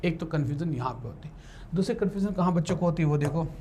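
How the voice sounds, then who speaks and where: Hindi-speaking man teaching spelling, slightly high voice. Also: lively intonation, racing, dark tone, slight background noise. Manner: explains in Hindi, switches to English for definitions and spells words letter by letter; keeps checking in with the class. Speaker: English teacher for law entrance exams. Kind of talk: classroom lecture with spelling drills.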